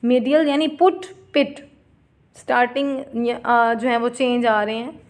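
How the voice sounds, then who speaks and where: Woman teacher, fairly high voice, unhurried classroom lecture style. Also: steady tone. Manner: addresses students as "beta", checks understanding.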